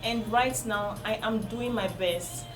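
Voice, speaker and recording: On the high side and taking it slowly, a Nigerian-accented woman who grew up speaking Igbo shares earnest parenting advice to camera. She repeats key points to stress them, and the rough recording has music playing under her voice.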